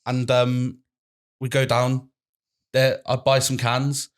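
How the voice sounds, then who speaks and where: A man's voice: medium pitch, completely flat delivery, slow pace. A young man, telling a rambling story in casual podcast chat, swearing and laughing along. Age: 20s. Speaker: podcast co-host.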